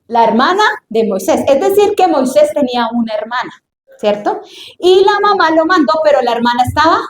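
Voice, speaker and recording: A woman preacher, giving an animated sermon and acting out the scenes she describes. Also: high voice, brisk. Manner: animated, acts out scenes in voices. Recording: echoey church room.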